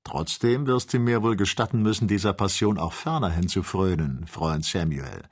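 A man's voice: low voice, moderate pace. A man reading the part of a keen, amiable male hunter on a balloon expedition. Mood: friendly.

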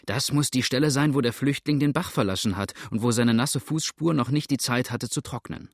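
A man's voice: mid-range voice, a little fast, no echo, studio quality, lightly acted. A man voicing an eager male dog handler in an audiobook, coaxing his hound. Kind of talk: audiobook character reading.

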